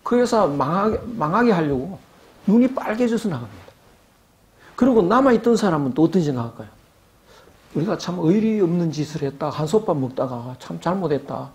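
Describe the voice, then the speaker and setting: A man's voice: on the high side, a little mellow. An older man giving an academic lecture, asking rhetorical questions and acting out quoted voices.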